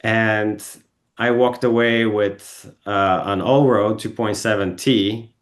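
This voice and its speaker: A man's voice: fairly low pitch, fairly even intonation, slow pace. A man from Bulgaria, a podcast guest telling car stories in a rambling way, full of ums and restarts. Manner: rambling, self-correcting, with frequent ums and restarts. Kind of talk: casual storytelling interview. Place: podcast studio.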